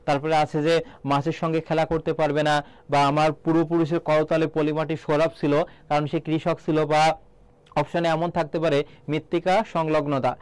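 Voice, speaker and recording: A man's voice: fairly high pitch, little pitch movement, normal speed, clean tone, no echo. A man from Bangladesh teaching an exam-prep lesson, asking questions and then repeating the answers to drill them in.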